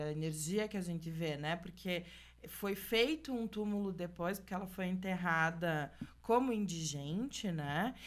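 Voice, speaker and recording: A woman's voice: lowish voice, fairly bright tone. A woman co-hosting a podcast, telling stories in casual, chatty talk. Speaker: podcast co-host. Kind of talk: casual chat.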